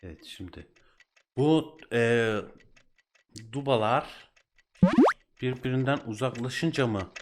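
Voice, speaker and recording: Here the gaming channel host, a young Turkish-accented man, speaks in a mid-range voice, taking things slowly with long pauses. His let's-play commentary is casual and punctuated by frustrated exclamations. Slight background noise and loud game music sit under his voice.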